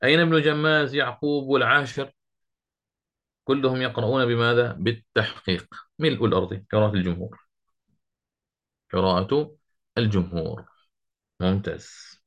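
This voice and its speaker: A middle-aged man teaching Quranic recitation rules, explaining step by step, asking his students questions and reciting verses slowly. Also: medium pitch, fairly bright tone. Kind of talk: interactive lesson on Quranic readings.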